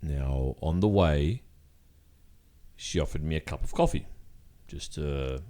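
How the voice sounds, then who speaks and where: A man playing a guilty boyfriend in an ASMR role-play, speaking haltingly and carefully with long pauses. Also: extremely low pitch, mellow. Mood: halting, uneasy. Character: hesitant guilty boyfriend confessing, soft and careful.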